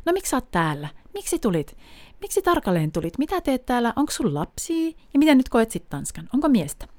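A woman's voice: on the high side, big pitch swings, no echo, pitched above the performer's own voice. A woman voicing a gushing, nosy adult who is charmed by foreigners and fires off eager questions. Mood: prying. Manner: rapid-fire eager questioning.

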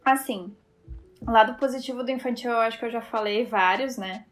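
A woman guest in a casual interview, telling lively stories and laughing as she talks. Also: a little high, fairly quick, soft background music. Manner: chatty storyteller, laughs while talking. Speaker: guest, fashion designer.

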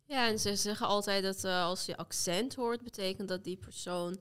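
A woman's voice: medium pitch, moderate pace, fairly bright tone, clean tone. A woman from Iran who speaks Dutch, hesitant and searching for words in a casual talk. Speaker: guest in a panel talk. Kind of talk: casual chat.

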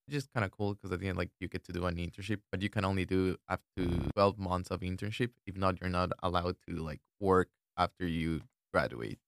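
A man's voice: low-pitched, vocal fry, fairly bright tone, clean tone, dry recording, clean studio sound. A young man, chatting in a laid-back, thoughtful way as a student guest. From Ecuador. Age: 20s. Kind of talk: casual chat.

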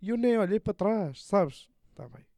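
Dude, slightly high soft-toned voice, jokey slangy chat, dry sound. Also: male voice, animated, normal speed, no room sound. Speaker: podcast host. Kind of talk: casual chat.

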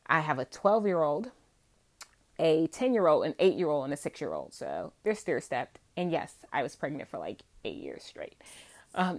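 A woman in her thirties hosting her own podcast, telling a personal story in a chatty, emotional way with lots of "like" and "um". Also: sits low. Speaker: podcast host.

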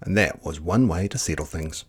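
A man with a low-sitting voice narrates a children's picture book aloud, giving it an expressive, measured storytelling delivery.

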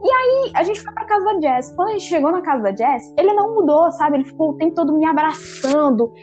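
A woman's voice: sits high, lively intonation, quick pace, darkish tone, faint music behind. A young woman hosting a casual chat, telling a personal story with lots of fillers and acted-out quoted dialogue.

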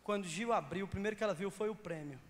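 A male pastor with a Brazilian Portuguese accent preaching in a church, telling a humorous anecdote with loud bursts and quiet asides. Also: high-pitched, fast. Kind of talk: storytelling sermon. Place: church sanctuary. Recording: long church hall reverb, faint noise.

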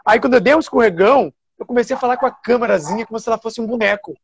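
A TV presenter from Bahia, telling stories animatedly with fillers and restarts. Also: male voice, very high voice, very fast, background noise. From Bahia, Brazil. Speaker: TV show presenter. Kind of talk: casual storytelling interview.

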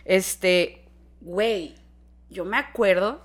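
A woman's voice: mid-range voice, very slow. A young woman with a Mexican Spanish accent chatting casually with a friend, cursing and laughing. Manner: profane, laughing, animated. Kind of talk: casual chat, storytelling.

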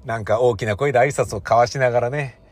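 A man's voice: medium pitch, quick pace, no echo. A man in the entertainment business giving a rambling, self-mocking rant in a casual solo monologue.

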